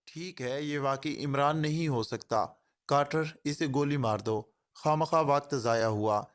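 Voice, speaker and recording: A man's voice: medium pitch, lightly acted. A man voicing an arrogant, short male gang boss who talks in a harsh, sarcastic way. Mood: dismissive.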